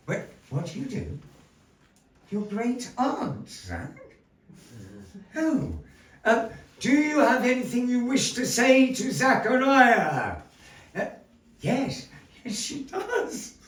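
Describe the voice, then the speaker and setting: With a very high-pitched voice that swings hugely in pitch, a man hosts a puppet show for a live audience, trading theatrical stage patter with a puppet fortune-teller. His manner is showy, grandly polite, and playful, and he speaks slowly with long pauses. Heard through a distant room mic, the echoey room sounds far off.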